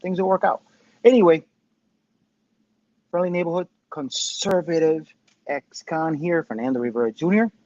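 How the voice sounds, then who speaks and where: A man's voice: on the high side, normal speed, pauses often, darkish tone, no room sound. A man in his fifties hosting a casual livestream, rambling, self-deprecating and profane, with dull, tinny sound from a Bluetooth headset. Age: 50s. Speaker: host of a commentary show. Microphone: Bluetooth headphones' microphone.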